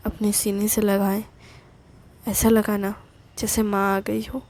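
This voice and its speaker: A woman storyteller voicing a gentle, loving mother-in-law who soothes a crying young woman in a soft, tender way. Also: medium pitch, completely flat delivery, takes it slowly. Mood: tender, soothing.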